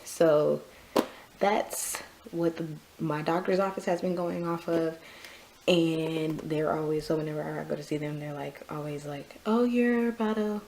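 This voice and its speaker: A young woman with a low voice chats through a pregnancy update, slightly winded as she talks. She rambles, circles back to repeat points and laughs easily. A faint hiss sits under the recording. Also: level tone, measured pace, vocal fry. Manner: chatty, repeats herself, laughs often. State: slightly out of breath. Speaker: vlogger. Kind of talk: casual pregnancy update vlog.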